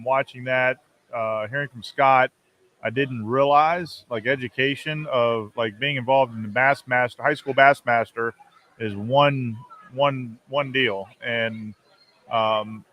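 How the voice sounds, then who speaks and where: A man's voice: mid-range voice, steady tone, unhurried, muffled recording. A man in his forties chatting casually as a fishing show co-host at an event, phrasing things hesitantly in small pieces. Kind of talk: casual live-stream chat at an event. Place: booth in a large expo hall. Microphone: close podcast microphone.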